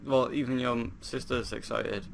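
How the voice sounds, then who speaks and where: Low-voiced gamer guy, gravelly, dry teasing delivery, faint hiss behind. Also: fairly even intonation, measured pace. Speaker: gamer co-host. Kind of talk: let's play chat.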